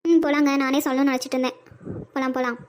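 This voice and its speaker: A woman's voice: high-pitched, level tone, racing, clear, resonant tone, lightly acted. A woman voicing a young wife and mother in a cartoon, bossy but sweet, chirpy and scolding.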